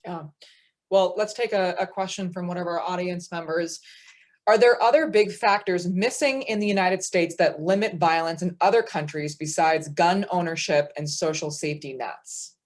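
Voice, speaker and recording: A woman moderating a panel, reading audience questions in a brisk, friendly way. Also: fairly low pitch.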